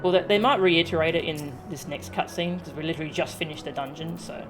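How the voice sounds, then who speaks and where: A woman game streamer with a low-sitting voice chats casually and quickly with her livestream viewers. Video game music plays behind her.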